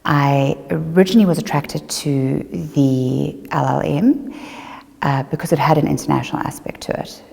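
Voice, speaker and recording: A middle-aged woman from Zimbabwe, an attorney, giving a measured, reflective testimonial interview. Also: low-pitched, fairly even intonation, gravelly, a little mellow, in a large hall. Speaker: attorney and former online law student.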